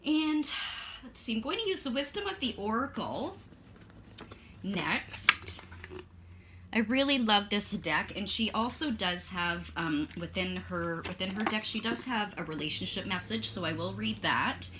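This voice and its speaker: In a casual spoken session, a woman reads tarot and oracle cards with a mid-range, lively voice at a measured pace, with background noise behind her. Her voice is strained and fading as if she is losing it, and she clears her throat. She meanders chattily, with many ums, restarts and self-corrections.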